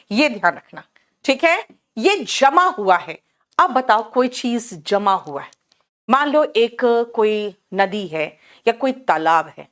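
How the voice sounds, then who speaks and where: A woman's voice: fairly high pitch, fairly bright tone. A woman English teacher with an Indian accent, teaching a live online class, drilling words by repeating them and calling on students by name.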